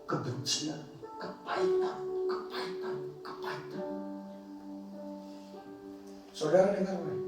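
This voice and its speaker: A male pastor telling a story in a sermon, emphatic and repetitive, with his voice carried across a church hall. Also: on the high side. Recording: echoey church hall, distant mic.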